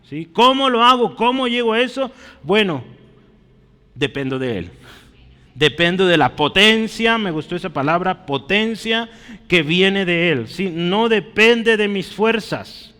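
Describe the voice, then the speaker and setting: With a high, pushed and bright voice resounding in a big room, a man preaches a teaching sermon at a Bible study. He lays things out step by step, often confirms his listeners are following, and calls them brother.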